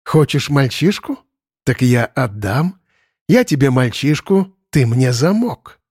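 A man's voice: mid-range voice, big pitch swings, slow pace, a little mellow, slightly rough, no room sound, studio quality, full character voice. A man voicing a mocking, shapeshifting bird spirit that has taken over a boy's body, in an audiobook. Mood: taunting. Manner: sneering, taunting. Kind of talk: audiobook character voice.

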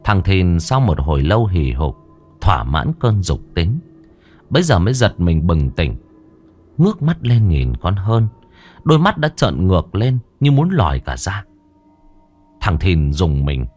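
Deep, dramatic ghost story narrator. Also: male voice, sing-song, unhurried, a little mellow, faint music behind.

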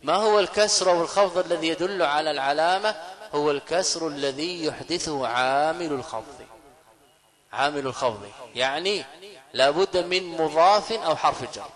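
A male scholar teaches grammar in a classroom lecture, asking questions and answering them himself while slowly repeating key phrases. His voice is on the high side and a bit bright.

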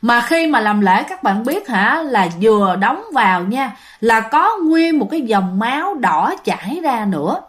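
A woman's voice: fairly high pitch, big pitch swings, measured pace, few pauses. A woman telling a ghost story casually, talking straight to her listeners. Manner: chatty, addresses listeners directly.

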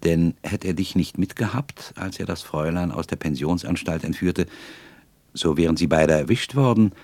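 A man reading the part of a gentle, cheerful young woman in an audiobook, speaking in a warm, confiding way. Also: low-pitched, normal speed, no room sound.

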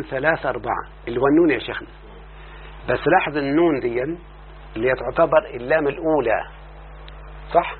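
A man with an Egyptian accent teaching Arabic morphology, often asking his student if he follows and stretching out word forms as he says them. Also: medium pitch. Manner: repeats word forms slowly and drawn out. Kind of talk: explaining a classical text to a student. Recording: tinny phone-like line with faint hum.

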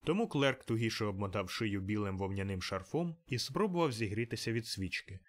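A man reading a classic story aloud as audiobook narrator, in a measured, even storytelling manner. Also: fairly low pitch. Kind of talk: scripted narration.

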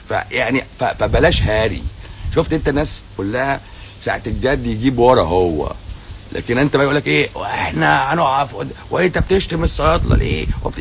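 A middle-aged Egyptian-accented doctor with a lowish voice answers viewer questions on a casual livestream, teasing, blunt, and sarcastic. He's in a hotel lobby at night, with a noisy background.

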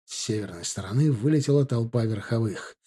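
A man narrating a historical war story in a steady, measured reading. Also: mid-range voice, husky. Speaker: audiobook narrator. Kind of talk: scripted narration.

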